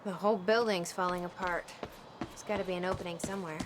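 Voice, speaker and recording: A woman's voice: on the low side, steady tone, fast, lightly acted. A woman playing a guarded, determined female undercover agent in a video game, terse and assertive. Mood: dry, guarded. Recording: game audio with noisy ambience.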